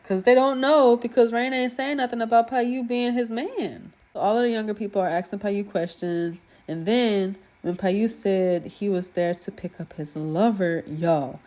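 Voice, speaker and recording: A woman's voice: on the high side, a little mellow. A woman giving a casual, gushing recap of a TV drama episode, talking chattily to her viewers.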